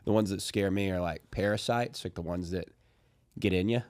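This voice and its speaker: A comedian from Alabama chatting as a podcast guest in a studio. He jokes, mocks himself and often drops into low mumbles. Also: normal speed, darkish tone, no echo. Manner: jokey, self-mocking, drops to low mumbles. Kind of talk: casual podcast chat.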